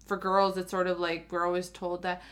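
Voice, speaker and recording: A woman's voice: little pitch movement, moderate pace, fairly bright tone. Chatty young woman co-hosting a podcast. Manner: chatty, many filler "like"s; acts out quoted relatives in a higher voice. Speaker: podcast co-host. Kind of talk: casual chat.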